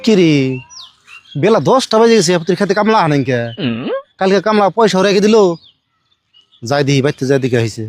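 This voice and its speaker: A man's voice: high-pitched, expressive, fairly quick, pauses often, faint music behind. A man playing a fussy, gullible village farmer. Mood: fussing. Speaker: farmer hiring laborers. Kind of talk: comedy village drama acting.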